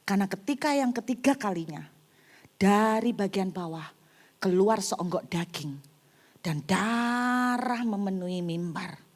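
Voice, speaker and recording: A middle-aged woman pastor preaching a sermon, telling stories in an animated way and acting out the scenes. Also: mid-range voice, measured pace. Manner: animated storytelling, acting out scenes with cries and shouts. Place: church service in a hall.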